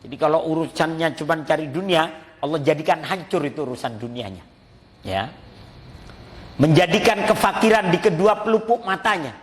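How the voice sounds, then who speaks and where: A man's voice: fairly high pitch, expressive, normal speed. Male preacher in a mosque. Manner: storytelling, acts out quoted voices, addresses listeners as Pak. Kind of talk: mosque sermon. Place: mosque hall. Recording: long reverb of a mosque hall.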